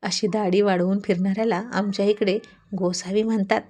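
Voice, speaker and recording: A woman's voice: medium pitch, level tone, fairly quick, a little mellow, lightly acted. A woman voicing a bold, talkative young village woman who teases and chatters. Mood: playful.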